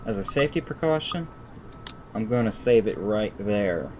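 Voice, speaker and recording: With a fairly low voice at a moderate pace, a man streams a game, reading out its story and commenting irritably with heavy profanity, against steady background noise.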